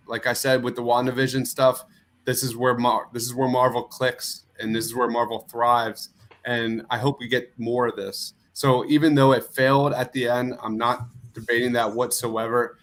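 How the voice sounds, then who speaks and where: A man co-hosting a casual talk, measured and steady, with plenty of fillers. His pitch is mid-range and quite flat, with little rise and fall. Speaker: podcast co-host. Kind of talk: casual chat.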